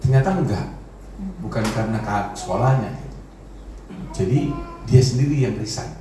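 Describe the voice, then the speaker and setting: Pastor preaching in an echoey church. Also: male voice, expressive, normal speed, noisy background. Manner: conversational preaching with dramatic pitch swings. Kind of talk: sermon. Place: large church hall. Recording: very echoey hall from far off.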